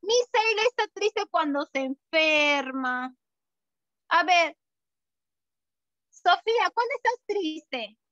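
A woman's voice: very high-pitched, lively intonation, takes it slowly, pauses often, a bit bright, no echo, muffled recording. A woman teaching an online class to small children, in an exaggerated, affectionate sing-song manner. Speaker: preschool teacher.

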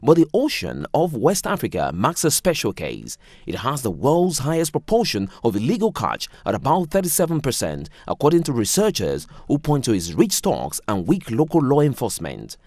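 A man's voice: wildly swooping pitch, darkish tone, no echo. Male news voice-over, swooping intonation, dry close booth sound. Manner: measured reading with wide pitch swings. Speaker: news reporter. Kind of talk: scripted news narration.

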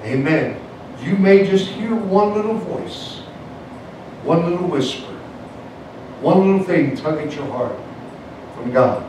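A man preaching as a pastor, punctuating his lines with "amen" and calls to the church. He swings between soft, low passages and shouted, high climaxes. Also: expressive, slow, pauses often. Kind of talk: evangelical sermon. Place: church sanctuary, indoors. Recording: echoey church sound from far off, faint noise.

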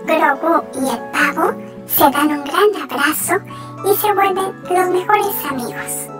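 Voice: high voice, unhurried, recorded from a distance. A narrator reading scripted bedtime stories for young children. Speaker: children's story channel narrator. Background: music.

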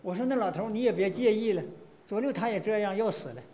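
A man's voice: high-pitched, fast, mellow. A man in his sixties with a Northeastern Chinese accent, giving a lecture as a folksy, colloquial storyteller. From Northeast China. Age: 60s. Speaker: folk lecturer.

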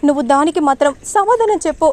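A woman's voice: very high voice, expressive, rapid-fire, pitched above the performer's own voice. A woman voicing a young man who presses his lover for an answer, insistent and questioning.

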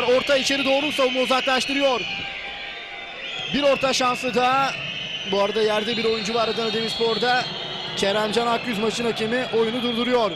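A man giving live play-by-play football commentary. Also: very high-pitched. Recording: noisy stadium broadcast with loud crowd. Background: loud crowd and stadium noise.

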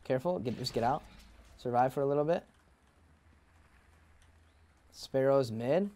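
A man streaming a team game, making relaxed, laid-back calls to a teammate and swearing casually. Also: mid-range voice, a little fast, a little hiss or hum. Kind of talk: casual gameplay chat.

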